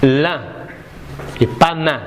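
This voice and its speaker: A woman's voice: low voice, drawn-out words, slight background noise. A woman teaching a classroom reading lesson, patiently drilling syllables and correcting young pupils. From Morocco. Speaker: primary school teacher.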